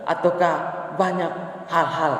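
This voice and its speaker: Young preacher in an echoey church hall. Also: male voice, on the high side, flat delivery, unhurried, fairly bright tone, far from the mic. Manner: earnest storytelling, rising emphasis on scripture. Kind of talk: sermon. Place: church service.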